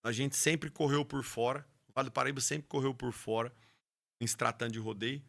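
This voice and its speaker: A man's voice: medium pitch, fairly even intonation, a little fast, gravelly, a bit bright. A man, a rodeo announcer and horse trainer telling his story with passion in an interview, often restarting his words. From Brazil. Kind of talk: interview conversation.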